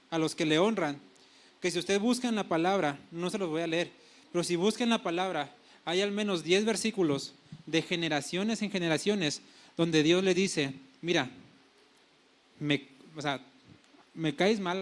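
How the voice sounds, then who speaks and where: A middle-aged male pastor delivers a sermon in a notably high voice. He retells scripture as lively paraphrased dialogue, often stopping to correct himself mid-phrase. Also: normal speed.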